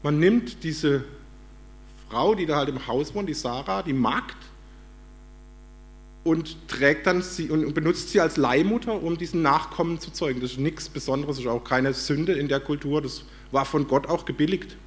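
A man's voice: a little high, moderate pace. A man from Germany preaching a sermon, telling a story with animation and acting out the voices he quotes.

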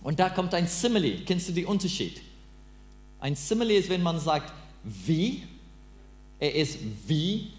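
Give me a man preaching an interactive sermon in halting German as a non-native speaker, recorded in an echoey room. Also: a little high, big pitch swings. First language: English. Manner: halting, broken German, quizzes listeners. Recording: roomy with mains hum.

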